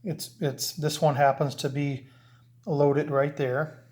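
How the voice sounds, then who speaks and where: A man handles his radio gear and explains the setup slowly, his slightly high voice darkish with little pitch movement. He's a CB radio hobbyist filming a casual how-to on a camera mic, rambling and restarting as he works.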